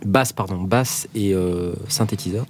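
A man's voice: low voice, a little slow, slight background noise. A man hosting a casual chat, talking hesitantly with many filler sounds.

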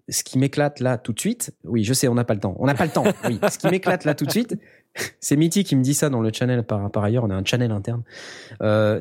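A man hosts a relaxed podcast chat in a medium-pitched voice that swings widely up and down. He teases himself and his co-hosts, stumbling over fillers as he goes. The sound is clean and close. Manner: jokey, self-mocking, hesitant with many fillers. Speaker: podcast host.

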